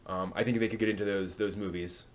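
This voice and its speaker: Hosting a live stream, he speaks quickly in a steady, lowish voice. He chats casually with viewers without a script, frequently rambling and hesitating as he thinks out loud.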